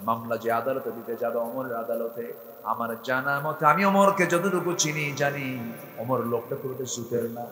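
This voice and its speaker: A man's voice: mid-range voice, moderate pace, pushed and bright, close to an everyday voice. A man preacher voicing a stern but humble ruler questioning a woman. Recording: echoey hall reverb.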